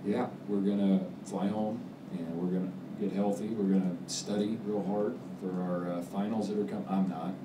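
A football coach in his forties answers post-game questions at an indoor press room table with a backdrop, speaking into a table mic on a stand. His low, level voice is measured and halting, full of fillers and restarts. The sound is roomy and distant, with background noise.

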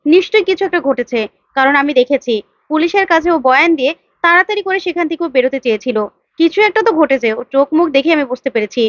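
A woman's voice: high voice, animated, quick pace, dry recording, highs cut off. A woman voicing a determined young woman who speaks firmly and insistently. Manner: firm, insistent. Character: determined young woman heroine protecting her family.

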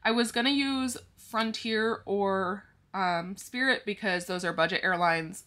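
A woman's voice: mid-range voice, bright, forceful tone. A woman vlogging about her budget, explaining each step to viewers in a casual way and counting money aloud as she goes. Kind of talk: casual talk-through to the viewers.

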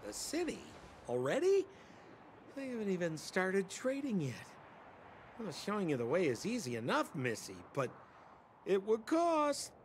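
A slippery young trader who never stops talking, his voice sitting high and bouncing all over as he coaxes and flatters. It is a game character with a light, playful edge, and a faint hiss sits under the studio track. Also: measured pace, heavily acted. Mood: scheming. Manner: chatty, wheedling salesman patter. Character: sly smooth-talking young male merchant. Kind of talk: game voice acting.

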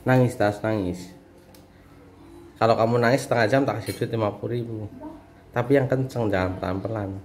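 Young dad, playful and teasing, mid-pitched voice; recorded indoors at home in a roomy, echoey space with faint hiss. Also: male voice, steady tone, a little fast, long pauses, a little mellow. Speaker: father filming family vlog. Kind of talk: teasing casual family chat. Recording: echoey home room with faint background noise.

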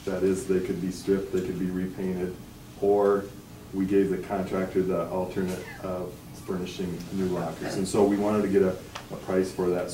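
Low flat-voiced man presenting to a board. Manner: steady, explanatory, reads figures aloud. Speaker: architect presenting bids. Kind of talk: formal presentation at a meeting. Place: meeting room, standing at front. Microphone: far camera. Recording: echoey room from far off, background hiss.

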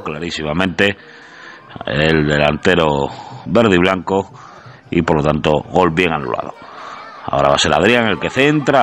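A man with a deep, low voice from Asturias reads a football highlights voice-over. His delivery is steady and explanatory, walking through each play in order. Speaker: match highlights narrator. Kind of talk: scripted voice-over narration.

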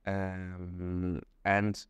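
A young man from Belgium talks as an in an unhurried, methodical way, pausing on ums as he explains. His voice sits a little low, and the room sounds dry and close. He is seated in a small indoor room and recorded on a camera. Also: completely flat delivery, smooth, no echo. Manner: patient, explains step by step with many ums. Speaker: interview guest. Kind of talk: casual explanatory chat.

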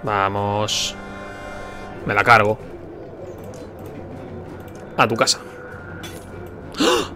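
Spanish guy from spain doing lets play commentary, excitable, bright punchy voice. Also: mid-range voice, fairly quick, long pauses, soft background music. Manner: excitable, animated exclamations. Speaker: let's play streamer. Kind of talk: casual gameplay commentary.

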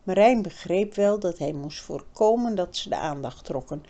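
A woman reading a children's novel aloud, narrating in a measured, expressive way. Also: on the low side. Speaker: audiobook reader. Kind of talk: storybook narration.

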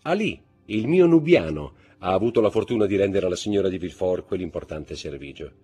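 A poised, mysterious wealthy count, read by a man, gracious and measured yet lively in his turns of phrase. The voice is husky and a little raised. Faint music underlies the storybook reading. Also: low voice. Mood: courteous, gracious. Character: composed, mysterious rich count, courteous and controlled.

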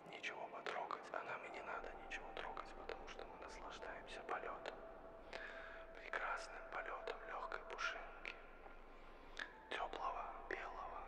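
Someone whispering a soothing, dreamy guided ASMR relaxation for sleep, with gentle repetitions. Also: a bass voice, gravelly, echoey room, recorded from a distance. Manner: soft unvoiced whisper throughout.

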